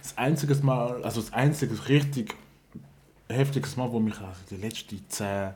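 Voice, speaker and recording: A man's voice: mid-range voice, moderate pace, darkish tone, slightly rough. A man with a French accent, talking in a casual chat as a guest, hesitant and restarting often. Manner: hesitant, many restarts and fillers.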